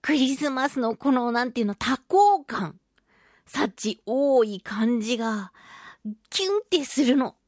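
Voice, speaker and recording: A woman with a fairly high voice hosts a chatty solo radio show, recounting everyday stories in an animated, exclamatory, giggly way at a measured pace. She is a radio talk show host and voice actress. The sound is close and very dry, like a studio microphone, with no echo.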